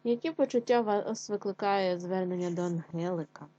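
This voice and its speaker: Soft husky teacher woman, dull lo-fi sound. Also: mid-range voice. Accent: Ukrainian. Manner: clear, slow syllable-by-syllable dictation for children. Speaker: primary school teacher. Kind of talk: online reading lesson for children.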